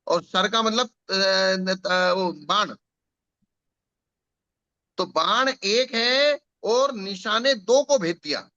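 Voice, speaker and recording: A man's voice: sits high, drawn-out words, long pauses, sharp tone, muffled recording. A man teaching a scripture class, explaining patiently with examples and repetition.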